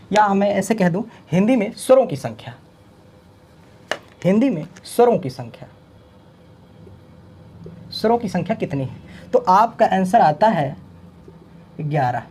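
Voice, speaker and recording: A man's voice: high voice, warm tone, a little hiss or hum. Man drilling exam-prep lesson. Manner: repetitive drilling, reciting letters aloud, asks questions and answers them himself. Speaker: teacher.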